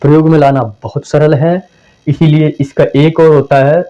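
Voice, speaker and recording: A mellow man's voice, slightly high and level in tone, moves at normal speed. He teaches exam prep in a conversational style, reiterating points and acting out example phrasings. It's a dull lo-fi home recording.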